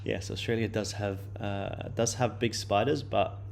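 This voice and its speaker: Speaking at a measured pace with a steady tone, this lowish voice shows vocal fry against slight background noise. The speaker, a day-trading stream host in his late twenties, answers viewers casually, full of fillers and repeated words.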